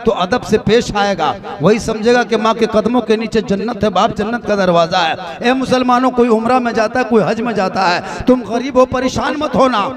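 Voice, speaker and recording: A man preaching a fiery sermon in rhythmic rhetorical lists that build toward shouting. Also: sits high, moderate pace, few pauses. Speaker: Islamic preacher. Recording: crowd noise behind. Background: crowd audible.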